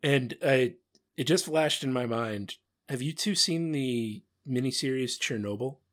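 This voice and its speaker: A man hosting a relaxed podcast chat, talking at an ordinary middle pitch. He recaps an episode, drops playful asides and laughs often along the way. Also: a little slow. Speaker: podcast host.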